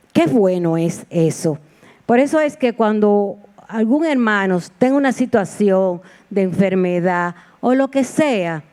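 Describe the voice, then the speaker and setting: Heartfelt woman preaching, higher voice. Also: darkish tone, smooth. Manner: heartfelt, personal storytelling with repeated exclamations. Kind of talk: sermon. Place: church sanctuary.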